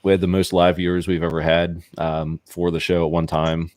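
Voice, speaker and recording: Upbeat male host, low voice, dry close sound. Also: monotone, moderate pace, a little mellow, no echo. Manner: upbeat quiz-master, laughs often. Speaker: host running trivia. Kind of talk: casual live-stream chat.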